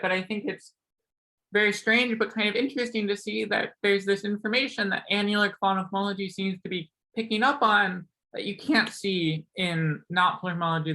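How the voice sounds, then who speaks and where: This seminar speaker is a young man whose high-pitched, sharp-toned voice sounds slightly sore, captured on poor audio. His math talk is casual and peppered with ums and likes, and he often self-corrects.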